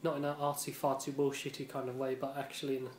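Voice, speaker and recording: A man's voice: medium pitch, little pitch movement, fast talker. A man rambling through a casual vlog monologue, swearing freely and leaning on fillers like "you know" and "um". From Britain. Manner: rambling and profane, heavy on fillers. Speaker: vlogger. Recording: echoey room with faint ambient noise.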